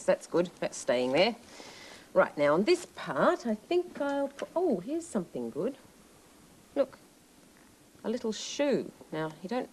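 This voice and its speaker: A woman's voice: medium pitch, darkish tone, slight background noise, rough recording. Playful sing-song woman presenter. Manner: slow, lilting, playful sing-song delivery. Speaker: children's TV presenter. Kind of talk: gentle presenting to young children.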